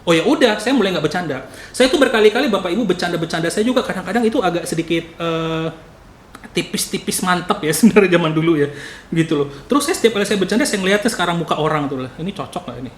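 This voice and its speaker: A young man from North Sumatra with a Batak-tinged Indonesian accent, preaching a casual, animated sermon and acting out little scenes with voices. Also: high-pitched, fast talker. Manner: animated storytelling, acts out voices, loud at times. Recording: echoey hall, faint noise.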